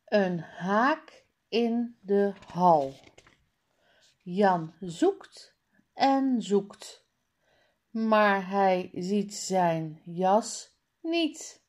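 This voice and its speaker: A woman reading a simple children's book aloud, deliberately and clearly, announcing the page numbers. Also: mid-range voice, darkish tone. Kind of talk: slow read-aloud storytelling.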